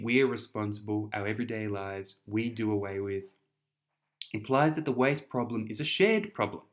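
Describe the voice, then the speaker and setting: With a lowish voice and an Australian accent, a young man explains an essay the way a casual, chatty tutor might. He keeps circling back, repeating words and starting over.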